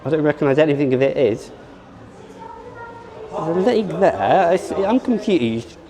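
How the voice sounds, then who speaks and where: A man's voice: a little high, sing-song, unhurried, a crowd in the background. A man giving casual, rambling vlog commentary at a theme park and then inside an exhibition. He thinks aloud, often restarts and corrects himself.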